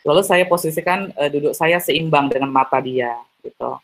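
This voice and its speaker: A man's voice: on the high side, normal speed, a bit bright. A man giving an online seminar talk over a video call, chatty and full of tag fillers. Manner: chatty, heavy use of tag fillers, acts out little dialogues. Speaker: seminar speaker.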